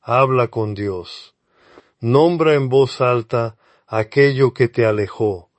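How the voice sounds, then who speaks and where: A male preacher delivers a devotional sermon at an unhurried, deliberate pace, addressing the listener directly and earnestly. His voice sits at an ordinary middle pitch. The recording is close and dry, with no room echo. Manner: earnest, speaks straight to the listener.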